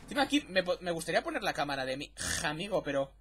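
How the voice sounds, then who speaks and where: A man with a Spain Spanish accent commentating a game replay, chatty and excitable, swearing freely. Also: a little high, rapid-fire, a little hiss or hum. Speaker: gameplay commentator. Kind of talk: replay commentary over gameplay.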